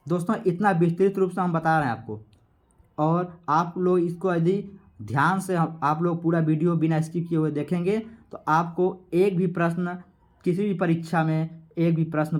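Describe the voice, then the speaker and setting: Male tutor, slightly high voice, exam-prep lesson, repeats and quizzes himself. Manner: repetitive, quizzing, asks and answers himself; sounds out letters slowly. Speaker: teacher.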